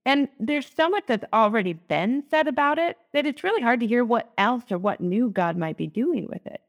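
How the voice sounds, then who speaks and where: A woman's voice: a little high, very animated, moderate pace. A woman co-hosting a lectionary podcast, talking in a chatty, teacherly way. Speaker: podcast co-host, Lutheran. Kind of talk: casual lectionary podcast chat.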